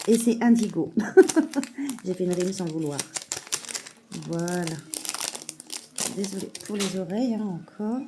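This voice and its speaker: A woman showing a parcel in a casual vlog at home, hesitant with many fillers and softly gushing. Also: mid-range voice, animated, unhurried, pauses often, noisy background. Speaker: mother unboxing a parcel of saving challenges. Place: at home at a table.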